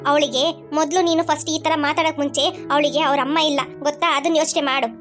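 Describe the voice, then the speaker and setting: A woman's voice: sits high, steady tone, quick pace, lightly acted. A woman as a stern, protective older girl. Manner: firm, scolding. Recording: cartoon with loud music underneath.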